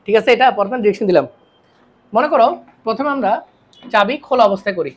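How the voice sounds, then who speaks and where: A woman's voice: mid-range voice, lively intonation, quick pace. A woman teaching a physics lecture, tired, and asking the class questions that she then answers herself. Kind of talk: classroom lecture solving circuit problems.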